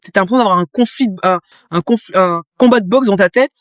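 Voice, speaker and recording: A woman guest chats in a casual interview, painting her points with vivid images and speaking directly to the listener. Her voice sits at a middle pitch for a woman. The recording is dry and close. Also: fast, no room sound. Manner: explains with vivid images, talks straight to the listener. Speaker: guest, business coach.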